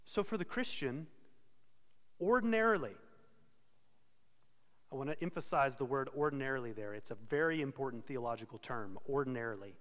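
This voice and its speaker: A man preaching an expository sermon, earnest and steady, pausing to correct himself now and then. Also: mid-range voice, big-room sound. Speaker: pastor.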